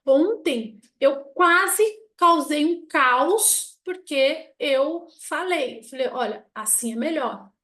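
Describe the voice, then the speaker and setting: Brief: middle-aged woman, high voice, animated storyteller, blunt and frank. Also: slow pace, few pauses. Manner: animated storytelling, acting out quoted people; blunt, self-mocking. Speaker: family constellation teacher. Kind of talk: casual spoken lesson.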